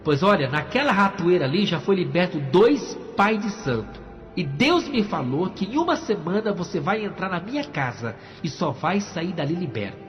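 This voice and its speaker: Man voicing a kindly old churchwoman, assured, lively voice, muffled sound, faint music. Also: high-pitched, normal speed, big-room sound.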